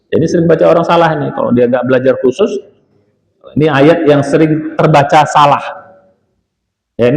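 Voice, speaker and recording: A middle-aged man giving a religious study talk, explaining Quran recitation slowly, drawing out words and asking his listeners questions. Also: on the high side, low-quality recording. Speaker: Islamic preacher.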